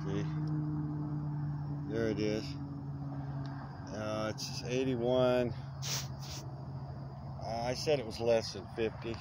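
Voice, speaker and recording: At dusk in dense outdoor brush, a male vlogger rambles in a folksy way, speaking slowly in a mid-range, fairly flat voice and pausing often as he trails off with fillers. A phone camera is held close, and crickets, insects and distant traffic sound behind him.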